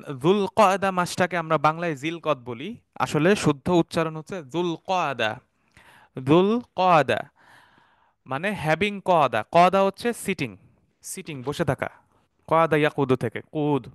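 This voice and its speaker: A man's voice: on the high side, dry recording, clean studio sound. A man teaching a Quranic Arabic class, explaining words step by step, repeating terms and asking the class questions. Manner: mixes English words into Bengali explanation. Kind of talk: recorded online class.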